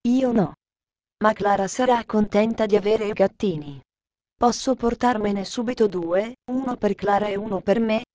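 A woman's voice: mid-range voice, normal speed, darkish tone, no echo, lo-fi sound, lightly acted. Woman playing a little girl, earnest and simple, plain storybook voice.

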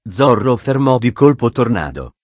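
A man's voice: mid-range voice, big pitch swings, moderate pace, no room sound, dull audio. Man reading an adventure story aloud. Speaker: audiobook narrator. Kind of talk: storybook narration.

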